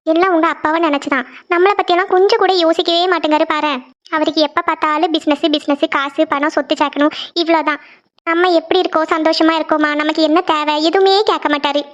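A woman's voice: high-pitched, fairly even intonation, fast talker, highs cut off, natural voice. A woman voicing a worried, sad middle-aged mother in a cartoon, talking in a weary, complaining way. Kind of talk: cartoon voice acting.

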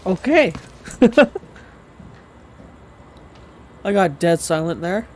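Woman gamer, casual exclamatory commentary, mid pitch, some background noise. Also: normal speed. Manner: exclamatory, thinks out loud. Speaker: gamer, let's player.

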